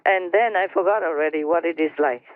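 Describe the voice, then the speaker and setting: A woman slowly telling a story to her team over a conference line, chatty and laughing between phrases. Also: lowish voice, crowd noise. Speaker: spiritual teacher telling a story. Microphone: phone or conference line. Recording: tinny dry phone line.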